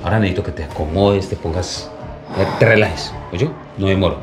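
A man's voice: low voice, brisk, music in the background. A man acting in a scripted short drama, insistent and pleading.

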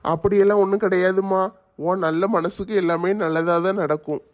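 A man's voice: high voice, steady tone, fairly quick. A man playing a kind, reassuring father-in-law in a family skit. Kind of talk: family comedy skit acting.

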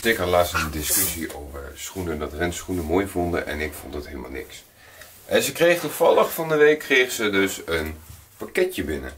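Chatty Dutch dad vlogging. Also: male voice, sits low, big pitch swings, normal speed, fairly bright tone, recorded from a distance, a little hiss or hum. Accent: Dutch, from the east of the Netherlands. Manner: chatty, storytelling, chuckling. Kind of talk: casual vlog chat. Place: in a car while driving.

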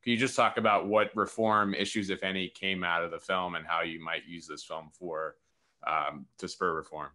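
A man's voice: deep voice, steady tone, normal speed, pushed and bright. A man in his thirties, an interviewer on a video call, framing long, articulate questions from a room at home. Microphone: video call webcam.

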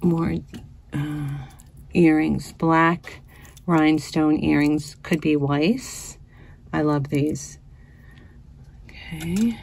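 Slow, gravelly-voiced woman thrifting. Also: low-pitched, a little mellow. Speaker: vintage reseller vlogger. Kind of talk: casual thrifting narration. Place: inside a cluttered antique store.

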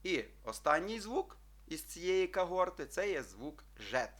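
A man teaching a video language lesson, calling his listeners friends, checking in with them often and drawing out his example words slowly. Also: sits high, sing-song, a bit bright. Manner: addresses listeners as friends, checks with frequent "так?"; slow, drawn-out model pronunciations.

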